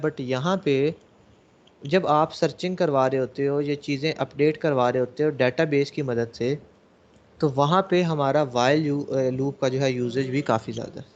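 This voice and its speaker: A man's voice: mid-range voice, a little mellow, highs cut off. A male programming teacher giving a classroom lecture, explaining step by step and answering his own questions to the class. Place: classroom with students.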